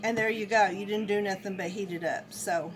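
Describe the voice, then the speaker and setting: A woman's voice: mid-range voice, fairly even intonation, a little fast, low-quality recording. A middle-aged or older woman, chatting casually and folksily to viewers as she demonstrates home cooking. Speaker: home cook vlogger.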